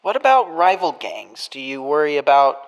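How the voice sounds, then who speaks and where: A man's voice: fairly high pitch, sing-song, moderate pace. Man reading a businesslike prison interviewer. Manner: reads questions from a script. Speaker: podcast host.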